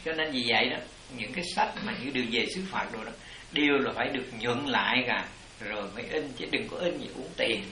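A man with a medium-pitched voice talks fast as a Buddhist master giving a dharma talk, answering his disciples with rambling, repetitive explanations and using "it" constantly. The room is echoey, a crowd can be heard behind him, and the audio quality is poor.

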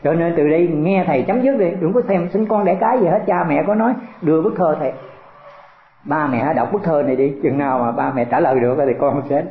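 Older monk preaching, echoey tinny sound. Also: male voice, a little high, fast talker. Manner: folksy, rhetorical questions, chuckling asides. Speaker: Buddhist teacher. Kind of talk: dharma talk to disciples. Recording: echoey room over a tinny phone-like line.

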